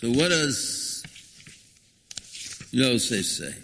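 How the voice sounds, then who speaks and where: In an echoey hall with long reverb and slight background noise, a rabbi delivers a Torah lecture, expounding scripture dramatically and emphatically while repeating himself and posing rhetorical questions. His medium-pitched voice is sing-song, creaky, a bit bright and extremely slow.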